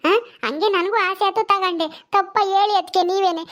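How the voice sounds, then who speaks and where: A woman's voice: very high voice, steady tone, fairly bright tone. A woman playing a tearful young village wife who pleads and pities herself, speaking. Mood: pleading. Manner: tearful, pleading, with many drawn-out "hmm"s.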